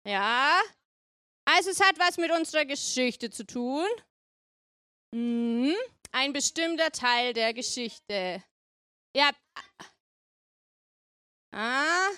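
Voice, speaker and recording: A woman's voice: high-pitched, lively intonation, slow, long pauses, pushed and bright, clear, resonant tone, dry recording. A woman preaching playfully in church, chatting with the congregation and asking them questions. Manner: playful, chatty, asks the audience often. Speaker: preacher at a family service. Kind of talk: lively sermon with questions to the congregation.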